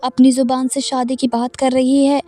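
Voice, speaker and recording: A woman voicing an educated, gently teasing middle-aged mother who gives soft, indulgent advice. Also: high-pitched, level tone, close to an everyday voice.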